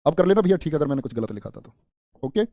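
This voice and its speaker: Man teaching a lively spelling class. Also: on the high side, quick pace, dry recording, studio quality. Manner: colloquial, playful, addresses viewers as "mera lal" and "bhaiya". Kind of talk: live online Hindi spelling class.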